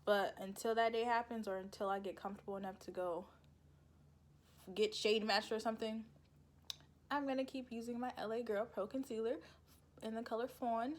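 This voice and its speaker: A woman's voice: a little high, fairly even intonation, brisk. A young woman, chatting casually through a makeup tutorial, rambling and laughing at her own slips. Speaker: beauty vlogger.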